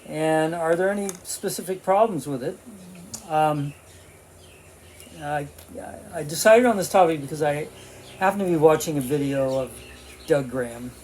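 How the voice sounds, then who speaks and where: A man's voice: a little high, normal speed, long pauses, darkish tone, slight background noise. A man in his seventies talking casually to a vlog camera, rambling with lots of fillers and restarts. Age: 70s. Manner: talking with his mouth full while eating. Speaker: vlogger.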